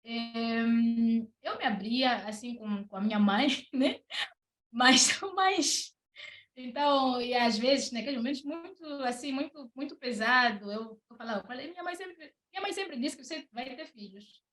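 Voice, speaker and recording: A woman's voice: a little high, animated, unhurried, a bit bright. A young woman with a Mozambican Portuguese accent tells a personal testimony as a podcast guest, hesitating and repeating words. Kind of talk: personal testimony in casual talk. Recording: echoey room.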